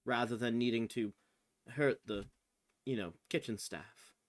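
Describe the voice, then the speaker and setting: A player in a tabletop game, laying out plans in a thoughtful, measured way. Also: medium pitch, no echo. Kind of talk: tabletop role-play chat.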